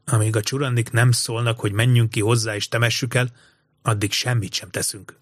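A man voicing a tense, cautious older boy who speaks in a hushed hiss. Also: medium pitch, level tone, no room sound, studio quality, close to an everyday voice. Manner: hushed, hissing.

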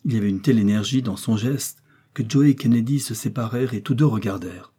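A man narrating a classic adventure novel as an audiobook, telling it with steady drama. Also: medium pitch, quick pace, husky. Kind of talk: scripted narration.

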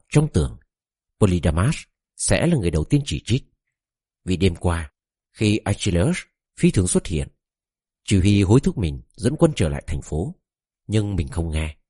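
A man's voice: sits low, warm tone, slightly rough, dry recording, clean studio sound, heavily acted. A brooding warrior prince, read by a man. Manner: brooding inner monologue. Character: proud doubting warrior prince weighing his fate.

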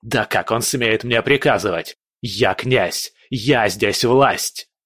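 A furious tyrant prince who yells and rages, voiced by a man in a storybook reading. The voice is pitched up and loud against the narrator's low register. The recording is dry and close. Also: takes it slowly, no room sound. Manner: yelling, indignant outbursts.

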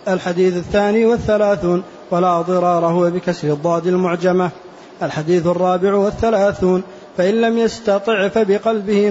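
A man reading a classical text aloud to his teacher in a steady recitation, spelling out vowel markings word by word. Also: sits high. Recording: dull lo-fi lecture recording with faint hiss.

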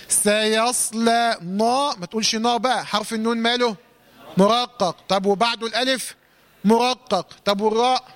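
A man with an Egyptian accent teaching Quran recitation rules, quizzing students, correcting them and reciting verse fragments slowly. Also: high-pitched, fairly bright tone. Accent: Egyptian Arabic. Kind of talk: tajweed lesson, call-and-response drilling.

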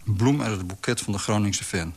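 A man reading a literary story aloud in a calm, measured way. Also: fairly low pitch, slightly rough. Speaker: narrator. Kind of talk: scripted literary narration.

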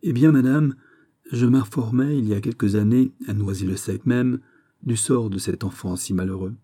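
A man's voice: medium pitch, moderate pace, mellow, slightly rough, close to an everyday voice. A man voicing a sly scheming duchess. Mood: insinuating.

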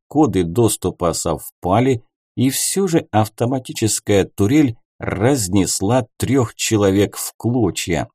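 A man reading an audiobook as its narrator, telling the story in a measured, expressive way. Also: fairly low pitch, dry recording, clean studio sound. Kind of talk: scripted narration.

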